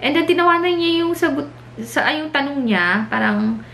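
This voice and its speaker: A woman's voice: high voice, lively intonation, normal speed, vocal fry, a bit bright, roomy sound, a little hiss or hum. A young woman with a Filipino accent tells a story in a casual vlog. She mixes Tagalog and English and laughs often as she talks. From Philippines. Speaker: vlogger.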